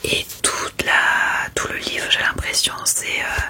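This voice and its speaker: A woman speaking in a hushed, unvoiced library whisper, chatting about books in an ASMR style. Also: takes it slowly. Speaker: ASMR creator reviewing books. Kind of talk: whispered ASMR book chat.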